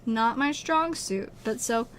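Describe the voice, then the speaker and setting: Speaking slowly in an animated voice on the high side, a twenty-year-old streamer from Utah rambles casually to livestream viewers, laughing and leaning on "like." Her throat is strained, and her voice is wearing out. There is slight background noise.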